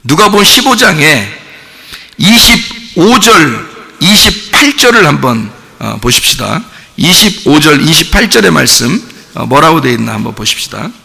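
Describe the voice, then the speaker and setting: A male pastor preaching a sermon in a church sanctuary, emphatic and animated, often throwing questions to the congregation. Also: fairly high pitch, normal speed, vocal fry. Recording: reverberant church hall.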